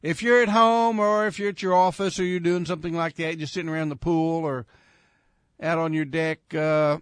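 A man's voice: fairly high pitch, fairly even intonation, normal speed, clean tone, no room sound, clean studio sound. A man hosting a radio show, talking casually and rambling with many fillers.

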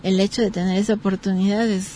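Woman, interviewer, mellow dark voice, short agreeing replies, slight hiss behind. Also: mid-range voice, little pitch movement, fast. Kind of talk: casual interview chat.

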